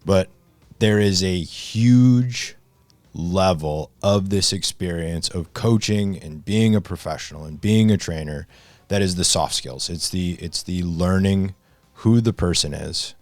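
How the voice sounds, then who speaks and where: A man hosting a podcast conversation, eager and energetic, often restarting his sentences as he leads into a topic. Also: sits low, measured pace, no room sound. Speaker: podcast host.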